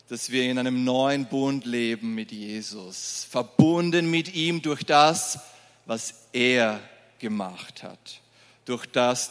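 A man preaching a sermon in a church hall, lively, often laughing and acting out the scenes. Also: medium pitch. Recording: reverberant hall.

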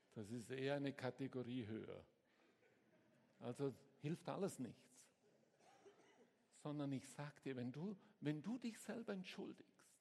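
A Swiss pastor preaches a sermon to his congregation, swinging between hushed words and sudden shouts. His mid-range voice is creaky and echoes in a large hall.

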